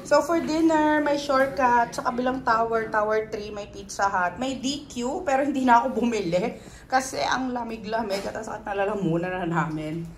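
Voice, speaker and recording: A woman's voice: a little high, moderate pace, slight background noise. A middle-aged Filipino woman vlogging casually on a phone in a condo, chatty and giggly. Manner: chatty, giggly, mixing English and Tagalog. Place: condo unit on a rainy evening. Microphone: phone held by the speaker.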